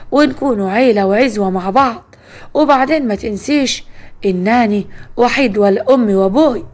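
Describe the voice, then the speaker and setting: A woman's voice: a little high, close to an everyday voice. A woman voicing a stubborn, domineering young husband with an Egyptian accent who talks in a harsh, commanding way.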